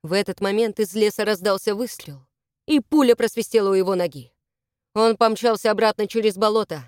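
A woman narrating an adventure novel in a steady, expressive reading style. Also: medium pitch, a little fast, no room sound, studio quality. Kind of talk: audiobook narration.

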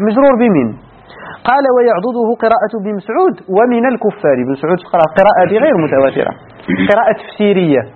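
A man with a Moroccan accent teaching a lesson of Quran commentary, going through the text verse by verse and asking his class rhetorical questions. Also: high voice. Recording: tinny phone-like lo-fi recording.

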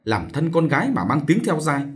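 A man's voice: a little high, very animated, moderate pace, voice pushed up. A man voicing a grieving, bitter old mother. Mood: aggrieved. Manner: moaning, reproachful.

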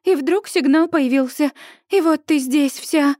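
A woman reading an audiobook, voicing an emotional young woman friend who calls out in a shrill, breathless voice. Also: unhurried, a little mellow, no room sound, studio quality. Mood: tearful, relieved.

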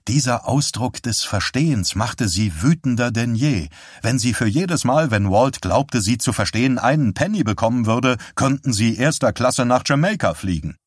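A man narrating a literary audiobook in a measured, even storytelling manner. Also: mid-range voice, husky, no room sound, clean studio sound.

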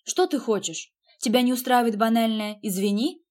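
In an audiobook romance, a woman voices an icy, clipped wealthy husband with light acting. Keeping her own voice, she sits a little high, flat and measured, with every line short and cold.

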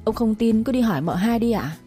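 A woman voicing a frightened young wife who pleads and weeps in a higher voice. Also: expressive, fairly quick, dark tone, soft background music, close to an everyday voice. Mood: pleading.

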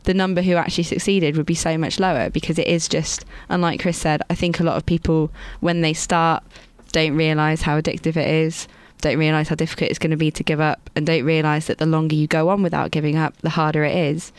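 A woman's voice: sits low, level tone, brisk, few pauses, smooth, no echo. A woman arguing earnestly in a studio discussion and reading out statistics. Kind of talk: casual studio debate.

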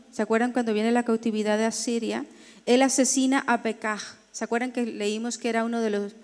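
A woman pastor teaches a Bible class, her fairly high voice measured and emphatic. She slows down to spell out names and stresses key points. A long reverb trails behind her, as in a large hall. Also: a little mellow.

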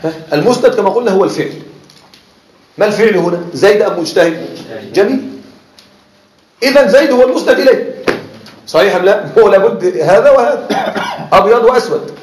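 A man's voice: high voice, lively intonation, quick pace, pauses often, darkish tone, a little hiss or hum. A man teaching a class in a lecture style, often stopping to ask whether his students are following. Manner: keeps checking that students follow. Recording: echoey classroom.

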